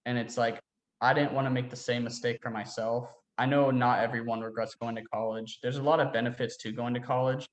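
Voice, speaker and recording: A young man answers interview questions in a loose, rambling way, leaning on "like" and "you know" between thoughts. His voice sits at an ordinary middle pitch. The recording carries a noticeable roomy echo. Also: steady tone, fairly quick. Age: young adult. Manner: rambling, heavy use of "like" fillers. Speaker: interview guest. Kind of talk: casual interview talk.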